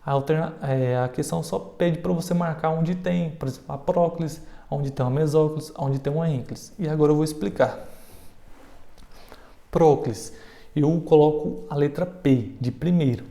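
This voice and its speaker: A man's voice: fairly high pitch, moderate pace, gravelly, mellow, reverberant. A Brazilian man giving a casual, informal exam-prep lesson who keeps checking in with his listeners. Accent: Brazilian Portuguese. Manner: informal, self-deprecating, checks in with "né?" and "tá?".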